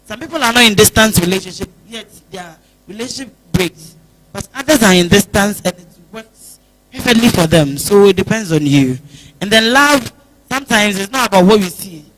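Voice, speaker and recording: A woman's voice: medium pitch, lively intonation, brisk, fairly bright tone, poor audio. A woman with a Ghanaian accent, a guest on a church talk show, giving earnest advice and acting out small phone chats. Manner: earnest, advising, acts out little phone chats. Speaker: guest speaker.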